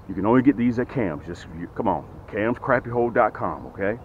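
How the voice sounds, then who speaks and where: Phone-quality sound with a little hiss or hum captures a middle-aged fishing vlogger outdoors at a lakeshore, speaking into a camera held close to his face. He animatedly pitches the fishing gear he sells, gesturing with his hands and repeating "okay?" and "guys" a lot.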